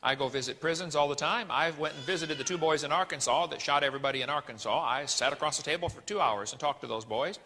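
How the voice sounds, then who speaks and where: A man's voice: on the high side, fast, few pauses, bright, forceful tone, long reverb tail. A middle-aged man giving a lecture-style sermon, preachy and folksy, firing off rhetorical questions. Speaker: creationist ministry speaker.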